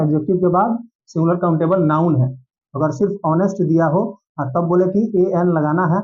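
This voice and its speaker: A man teaching an English grammar lesson, explaining patiently and repeating points, often checking in with his students. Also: high voice. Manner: repetitive, reassuring, checks in with "theek hai". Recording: dull lo-fi sound.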